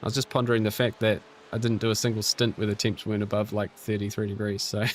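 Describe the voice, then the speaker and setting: A man hosting a casual live stream, chatting with viewers and a teammate in a relaxed way, full of restarts and fillers. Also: on the low side, fast, slight background noise. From New Zealand. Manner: relaxed and chatty, with frequent restarts and fillers while reading chat aloud; friendly, encouraging teammate. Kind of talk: casual live-stream chat over sim racing.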